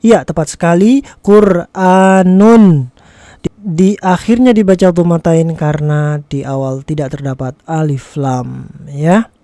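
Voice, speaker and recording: A teacher with an Indonesian accent giving a tutorial lesson, explaining deliberately and repetitively with frequent check-in tags and carefully enunciated example words. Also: mid-range voice, dark tone, no room sound. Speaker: Quran reading teacher. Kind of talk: tutorial lesson addressed to viewers.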